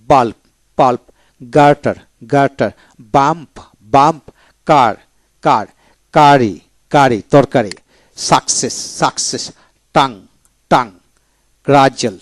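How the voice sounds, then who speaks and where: A male teacher drills English words one by one, saying each twice in a measured lecture voice. His voice sits at an ordinary middle pitch. The recording is dry and close, with no room sound. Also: dry recording. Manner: repeats each word slowly and deliberately. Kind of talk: video lecture reading out word lists.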